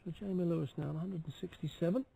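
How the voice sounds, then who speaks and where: A man's voice: a little high, fast talker, vocal fry, warm tone, breathy edge, low-quality recording. A man giving chatty, analytical live commentary as a darts co-commentator.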